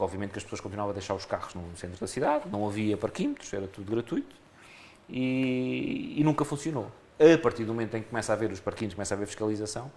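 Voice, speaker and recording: A man's voice: on the low side, gravelly, a little mellow. A man with a European Portuguese accent, a candidate in a local election, answering radio interview questions earnestly and often restarting his phrases.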